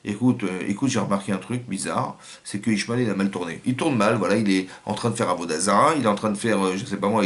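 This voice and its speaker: A man with a French accent giving a religious lesson as a rabbi, acting out little scenes and quotes in changing voices. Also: fairly low pitch.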